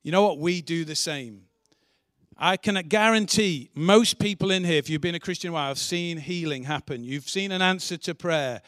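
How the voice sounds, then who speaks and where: A man's voice: on the high side, moderate pace, fairly bright tone, no room sound, clean studio sound. A man preaching a sermon in church, earnest and asking the congregation questions. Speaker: pastor.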